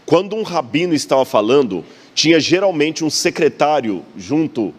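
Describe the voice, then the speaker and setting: A man's voice: fairly high pitch, sing-song, moderate pace. Brazilian man lecturing in a hall. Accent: Brazilian Portuguese. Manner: didactic, asks audience questions, points at slides. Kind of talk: public lecture to a live audience. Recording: long hall reverb.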